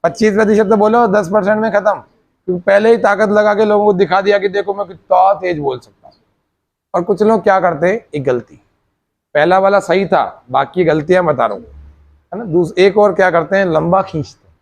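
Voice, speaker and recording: A man with a fairly high voice teaches a meditation class. He goes through each point step by step and keeps checking that his students have understood before moving on. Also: brisk, gravelly.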